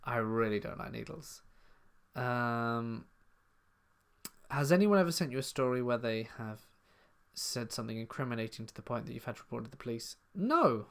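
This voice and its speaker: Here a southern English man with a gravelly, medium-pitched voice hosts a live stream Q&A for his horror story channel. He keeps it casual and talkative, reading each viewer comment aloud and then answering it.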